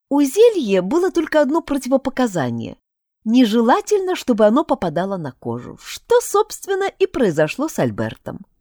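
A woman reading a fantasy audiobook in first person, her pitch swooping widely as she acts out the story. Her tone is dark and mellow, recorded close and dry with no room sound. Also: no room sound. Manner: expressive, switching voices for each character. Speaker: audiobook narrator.

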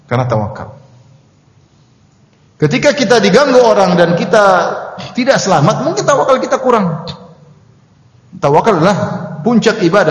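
A male preacher giving a study sermon, reciting Arabic prayers and explaining them with humor. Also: high voice. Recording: echoey hall recording.

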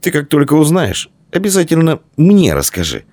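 A man puts on a high, excitable young boy's voice for an audiobook. The boy is bossy and loud, calling out and giving orders to his friends. The delivery swings widely in pitch. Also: normal speed, dry recording, studio quality. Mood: eager. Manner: excited shouting, commanding. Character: eager village boy, quick and bold.

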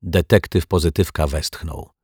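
A man's voice: a little slow, slightly rough, dry recording, clean studio sound. A man reading a children's detective story aloud, narrating and giving the characters their own voices. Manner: lively, voices characters with pitch shifts. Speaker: audiobook narrator.

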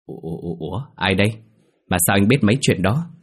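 A man voicing a bewildered middle-aged mother who scolds and panics, in a low, husky voice. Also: lively intonation, fast, heavily acted. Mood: bewildered scolding.

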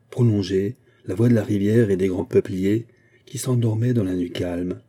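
A man narrating a classic novel as an audiobook, in a measured, expressive reading. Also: on the low side, slightly rough.

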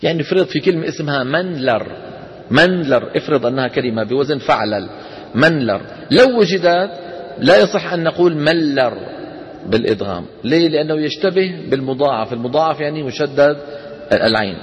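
A man's voice: fairly high pitch, lively intonation, fast. A man lecturing a class on Quran recitation rules, explaining and quizzing students with prompt questions. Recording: dull lecture recording in a reverberant hall.

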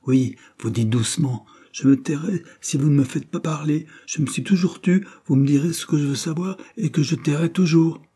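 A man's voice: on the high side, moderate pace, few pauses, warm tone, breathy edge, voice pushed up. A man voicing a fierce, scheming young foreign governess in an audiobook reading, speaking sharply and with menace. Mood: menacing.

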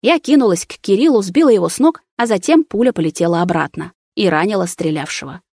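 A woman's voice: mid-range voice, lively intonation, fast, dark tone, husky, no echo, clean studio sound. Woman reading a first-person audiobook. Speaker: audiobook narrator.

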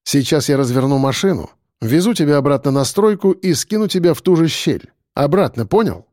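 A man doing a gruff teasing grown man. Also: a little high, lively intonation, brisk, darkish tone, dry recording, studio quality, close to an everyday voice. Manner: gruff, mocking, bossy.

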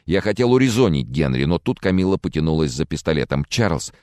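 A man's voice: very deep voice, sing-song, quick pace, darkish tone, no room sound, clean studio sound. A man narrating a thriller audiobook in the first person, reading expressively.

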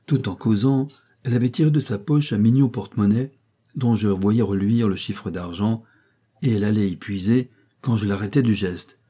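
Man, audiobook narrator, measured reading, husky, very dark timbre. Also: fairly low pitch. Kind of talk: scripted narration of a classic novella.

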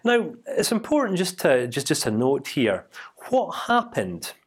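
A man giving a motivational talk built around a personal story, told in an emphatic, animated way. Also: a little high, measured pace, breathy edge. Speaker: speaker.

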